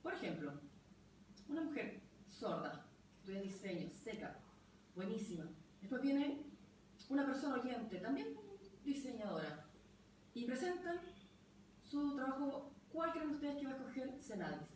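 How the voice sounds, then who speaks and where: A woman's voice: sits high, very animated, moderate pace, long pauses, a little mellow, a little hiss or hum. A woman working as a sign language interpreter, voicing a deaf speaker in short, clipped phrases during a live panel talk. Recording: very echoey room, voice from far off.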